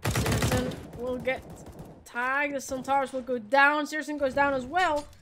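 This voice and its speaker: A woman's voice: high voice, flat delivery, measured pace, background noise. A woman from the Netherlands with a Dutch accent, in her late twenties, doing casual play-by-play commentary on an esports match and chatting with viewers. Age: late 20s. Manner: chatty, teasing, answers chat questions between calls. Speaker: esports caster.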